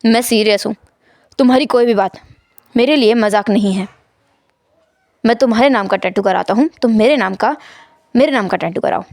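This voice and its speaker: A stern, possessive husband who gives short, flat orders in a lowered voice, as a woman puts him on. The recording is dry and close. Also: moderate pace, long pauses, no echo, lightly acted. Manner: curt, flat, commanding. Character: cold, possessive, commanding young husband.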